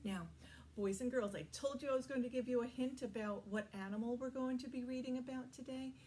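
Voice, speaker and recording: A woman's voice: sits high, fairly quick, darkish tone, slight background noise. A woman working as a children's librarian, leading a toddler story time with encouraging, simple phrases, questions and praise for young children.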